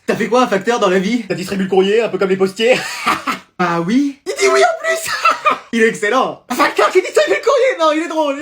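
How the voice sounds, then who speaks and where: A young man performing comedy sketches, switching quickly between exaggerated characters. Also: high-pitched, a bit bright. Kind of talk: sketch comedy playing many roles.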